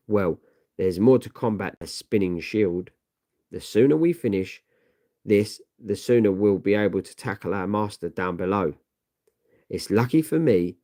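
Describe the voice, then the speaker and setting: A man voicing a steady male soldier-hero who leads his team, commanding and matter-of-fact. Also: lowish voice, dry recording, clean studio sound.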